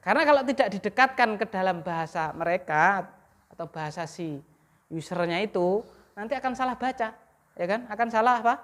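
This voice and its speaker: A woman's voice: medium pitch, lively intonation, brisk. Woman, grammar teacher, mid-range voice, quizzes the class as she goes. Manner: quizzes the class with half-finished questions. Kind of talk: classroom lesson.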